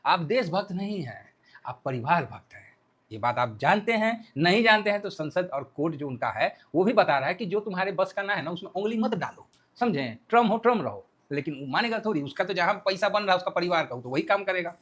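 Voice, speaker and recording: A man's voice: high voice, brisk. A man giving casual market commentary, joking and colloquial, with lots of rhetorical questions as he acts out the news. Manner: lively, playfully acts out the news. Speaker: stock market analyst.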